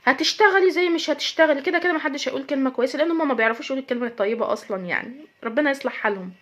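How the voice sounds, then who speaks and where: A fast-talking woman with an Egyptian accent gives direct advice to women, earnest and emphatic. She drives her points home by repeating them, and her voice sits a little high. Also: a bit bright. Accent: Egyptian Arabic. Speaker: host giving advice to women. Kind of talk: direct-address advice talk.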